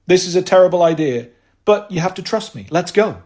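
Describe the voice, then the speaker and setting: A man voicing a sharp, bossy young girl who gives brisk orders, in an audiobook reading. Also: sits high, expressive. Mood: brisk, commanding. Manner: brisk, commanding. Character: sharp, bossy 12-year-old girl leader.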